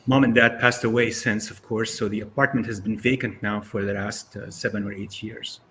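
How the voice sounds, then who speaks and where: A Syrian-born man in his sixties, appearing as a guest speaker, tells stories in a casual presentation over a video call. His fairly low voice is flat and sharp-toned at a normal pace, and his conversational storytelling is full of fillers. A slight hiss or hum sits under the audio.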